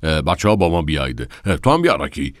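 A man's voice: extremely low pitch, big pitch swings, dry recording, clean studio sound. Man doing a hesitant, fumbling male manager. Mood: placating. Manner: hesitant, placating, full of "uh" fillers. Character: blustering adult male contest manager.

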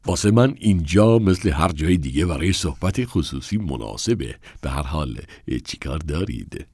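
Man playing an easygoing male assistant manager, very deep voice, offhand. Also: lively intonation, a little mellow, dry recording, clean studio sound. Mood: casual.

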